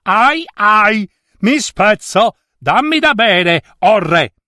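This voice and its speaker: A man voicing a magic rope in a storybook tale, crying out in high, strained wails. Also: big pitch swings, drawn-out words, bright, forceful tone, dry recording, studio quality, exaggerated voice. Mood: wailing. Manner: wailing, high strained cries.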